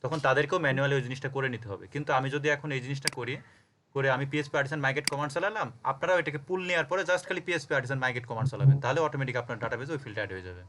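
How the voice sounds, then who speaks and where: In rapid-fire speech with a fairly bright, mid-range voice, a Bangladeshi man teaches a coding class on a call, going step by step and spelling words letter by letter. He checks often that students are keeping up. A faint hiss or hum is present.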